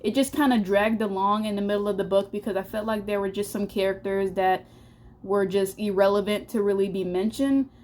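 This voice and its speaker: A woman's voice: mid-range voice, fairly even intonation, a little fast, a little mellow, slight background noise. A young woman in a casual book review vlog, chatty and rambling, with many fillers and restarts, a little out of breath. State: slightly out of breath. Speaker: book vlogger.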